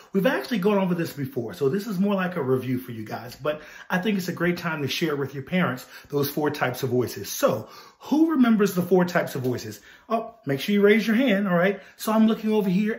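Upbeat male music teacher, roomy echo. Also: on the high side. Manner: upbeat, talks to pupils as if they are in the room. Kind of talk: virtual music class for children.

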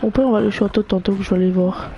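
A gamer chatting live through a game with friends, excitable, cheering teammates on and mixing in English slang and swearing. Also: medium pitch, rapid-fire, dull audio, slight background noise.

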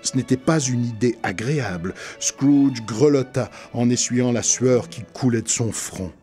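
Mellow male storyteller reading aloud. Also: medium pitch, faint music behind. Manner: measured, expressive storytelling. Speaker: reader. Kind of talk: literary audiobook narration. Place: radio studio.

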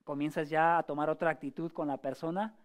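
A male pastor giving a sermon in a conversational way, asking the congregation rhetorical questions and often pausing or restarting his phrases. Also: fairly high pitch, fairly even intonation. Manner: frequent hesitations and restarts.

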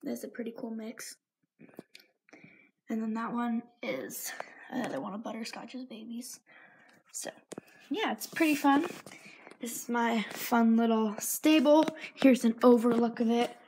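This low-quality recording, with a little hiss or hum, captures a warm, slightly high woman's voice that moves a bit slowly with long pauses. A young girl vlogger casually shows off her toy horse barn in a room at home, occasionally whispering, filming on a handheld phone.

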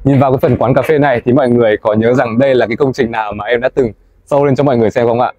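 Fast-talking young man touring a site. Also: medium pitch, fairly even intonation, darkish tone, no echo, lo-fi sound. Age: young adult. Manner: fast, chatty, addresses viewers as "mọi người". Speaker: company presenter touring a build site. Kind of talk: presenter-led site tour. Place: indoors in a large wooden café under construction. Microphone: lapel mic.

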